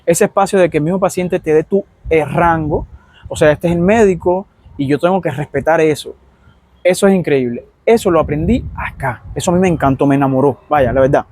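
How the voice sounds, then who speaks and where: Animated high-voiced Cuban man. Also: a little fast, slight background noise. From Cuba. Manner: animated storytelling, acting out patients' complaints. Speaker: doctor. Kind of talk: casual vlog monologue.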